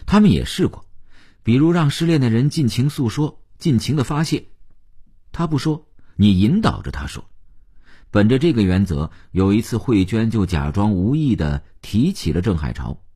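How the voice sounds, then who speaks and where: A middle-aged man narrating an audiobook in an expressive storyteller's manner, with a husky voice. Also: deep voice.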